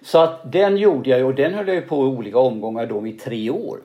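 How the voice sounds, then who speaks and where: Older actor guy chatting in an interview, lively storyteller, mid pitch. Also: highs cut off. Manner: lively, tags sentences with "va?".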